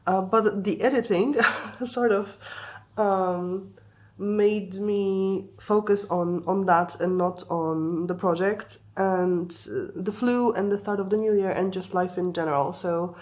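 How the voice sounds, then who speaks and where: Congested young woman, casual craft vlogger, slow and hesitant, apologetic tone. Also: lowish voice, fairly even intonation, darkish tone. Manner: hesitant, apologetic, many fillers. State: congested from the flu. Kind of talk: casual vlog chat.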